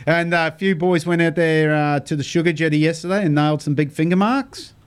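Male radio host, Queensland accent, slightly higher-pitched, casual, blokey and jokey phone-in chat. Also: a little fast, smooth. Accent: Australian, Queensland.

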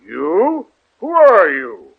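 A man's voice: high-pitched, huge pitch swings, drawn-out words, vocal fry, husky, full character voice. A man voicing a haughty, curt male caterpillar who questions a little girl in an old radio play. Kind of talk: 1940s radio acting. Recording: tinny old radio broadcast.

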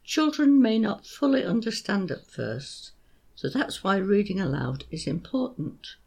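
A podcast host teaching how to write story poems, explaining slowly and reading lines aloud with a sing-song beat. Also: mid-range voice, sing-song, creaky, a little mellow, husky. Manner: slow, sing-song rhythmic reading, tapping out beats.

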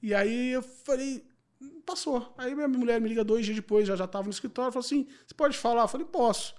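A man's voice: very high voice, quick pace, a little mellow. A man in his forties from Brazil, talking reflectively as a podcast guest and often repeating filler words. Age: 40s. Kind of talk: casual interview chat.

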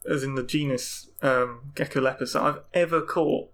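A man's voice: medium pitch, fairly even intonation, moderate pace, fairly bright tone. A man co-hosting a podcast in casual chat, jokey and chatty, often laughing. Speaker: podcast co-host.

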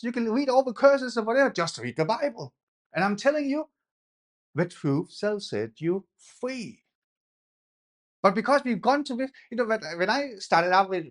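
A man from Denmark preaches an informal sermon with a high voice. He talks conversationally, restarting and repeating words. He rises into emphatic bursts when he presses a point. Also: a bit bright.

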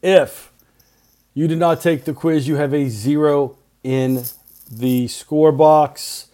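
A man's voice: a little high, fairly even intonation, slow, mellow. A middle-aged male teacher recording class announcements for his students' podcast, talking in clipped short phrases with earnest reminders.

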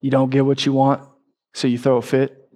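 A man's voice: mid-range voice, monotone, moderate pace, a little mellow. A man preaching a sermon, telling a personal story candidly and emotionally.

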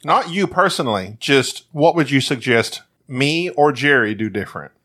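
A man hosting a podcast in casual comedic banter, with a slightly whiny voice and a mock-calm, restrained way of talking. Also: medium pitch, moderate pace. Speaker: podcast host.

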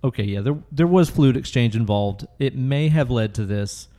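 Male podcast host, mid-pitched, casual comic banter, sweary and playfully showy. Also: normal speed, mellow.

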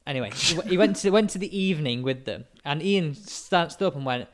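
An English man co-hosting a podcast, telling stories in a casual, animated way and acting out what people said. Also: on the high side, brisk, slight background noise. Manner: animated storyteller, laughs and acts out quotes. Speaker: podcast co-host. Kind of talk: casual chat, storytelling.

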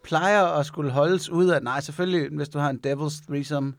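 Man co-host, gravelly, slightly high, teasing quips. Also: slight background noise. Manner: wisecracking, teasing. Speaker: podcast co-host. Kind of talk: casual frank chat.

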